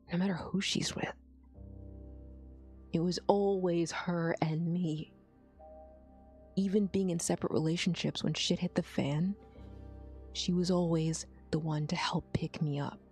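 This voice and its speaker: A woman's voice: lowish voice, a little mellow, slightly rough. A woman voicing a drunk, bitter, heartbroken young man who confesses in half-whispers while reading a story aloud.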